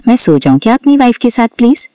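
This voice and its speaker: A woman's voice: on the high side, very animated, quick pace, mellow, dry recording, clean studio sound, voice pushed up. A woman voicing a teasing, playful young man in a storybook. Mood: cheeky.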